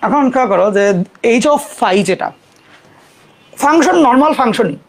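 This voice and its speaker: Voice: high voice, lively intonation, a little hiss or hum. Casual math teacher at the board. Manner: informal, repeats terms slowly for students to copy; apologizes quickly for own board mistakes. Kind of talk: live classroom math lesson.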